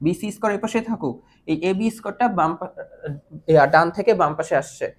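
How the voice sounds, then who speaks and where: A woman with a fairly low-pitched voice talks fast while teaching math online. She patiently keeps asking her students whether they follow and works English math terms into her speech.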